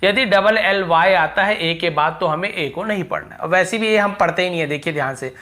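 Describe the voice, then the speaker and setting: A male teacher giving a video lesson, explaining step by step, repeating example words slowly and asking rhetorical questions. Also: sits high, sharp tone. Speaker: English teacher. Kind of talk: classroom-style video lesson.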